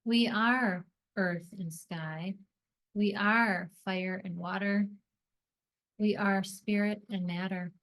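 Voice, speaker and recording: In a steady, fairly bright voice of typical female pitch, a woman guides listeners through a meditation at a slow pace. Her scripted, soothing instructions come in short, deliberate phrases with gaps left between.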